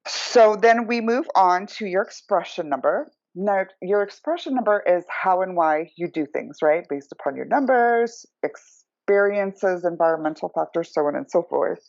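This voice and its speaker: A woman's voice: on the low side, lively intonation, moderate pace, gravelly, hardly any pauses, darkish tone, no echo, dull audio. A woman explaining a numerology reading in a chatty, explanatory way on a podcast. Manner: chatty, explanatory, acts out quotes.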